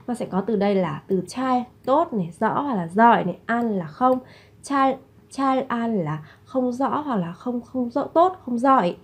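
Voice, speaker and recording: Husky woman teaching phrases. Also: fairly high pitch, darkish tone. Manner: repeats each example phrase slowly, then explains. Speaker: language teacher. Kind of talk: lesson explaining phrases.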